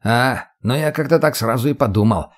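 Brief: swaggering, swearing, slow-witted fighter in an audiobook, man reading him, everyday voice. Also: medium pitch, lightly acted. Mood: crude. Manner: foul-mouthed, smirking.

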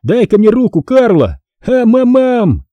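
A man's voice: very high-pitched, big pitch swings, measured pace, warm tone, no echo, pitched above the performer's own voice, full character voice. A man reading an audiobook, voicing a boy who mocks and teases his sister. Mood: mocking. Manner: mocking and teasing. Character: teasing, mocking older brother, a boy.

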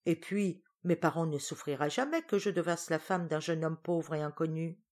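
A woman reading aloud voices a playful young girl in love, bright and teasing in her speech. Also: sits low, normal speed, lightly acted. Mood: lively. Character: eager young Dutch maiden, playful.

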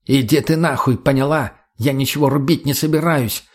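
A man voicing a jittery, foul-mouthed male drug addict who shouts and curses in a panic in an audiobook. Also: mid-range voice, normal speed, natural voice. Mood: panicky, cursing.

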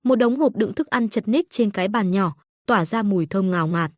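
A woman narrating an audio novel in a steady, even storytelling manner. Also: mid-range voice, a little fast, no room sound, studio quality.

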